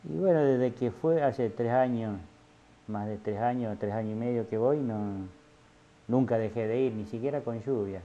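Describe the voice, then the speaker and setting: A man's voice: medium pitch, moderate pace, mellow. A middle-aged man from Santa Fe with an Argentine accent, telling his story as an artisan with many fillers and restarts. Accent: Argentine Spanish. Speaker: filete artisan. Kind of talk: casual interview testimony. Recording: dull lo-fi audio.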